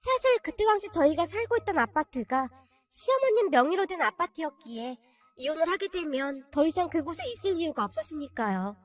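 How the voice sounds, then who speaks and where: A woman's voice: extremely high pitch, big pitch swings, brisk, faint music behind. A woman reading a first-person life story in an emotional, confiding scripted narration.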